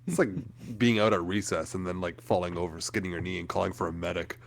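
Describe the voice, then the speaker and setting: Man, from Canada, very low voice, gravelly, laid-back podcast banter. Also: steady tone, quick pace. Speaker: podcast co-host. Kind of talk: casual chat.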